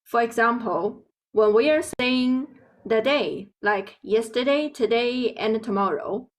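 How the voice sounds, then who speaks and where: A woman from Beijing with a Chinese accent, explaining pronunciation slowly and carefully as a language teacher. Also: a little high, poor audio. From Beijing, China. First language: Mandarin Chinese. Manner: slow, careful explaining with drawn-out example words. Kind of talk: online language lesson.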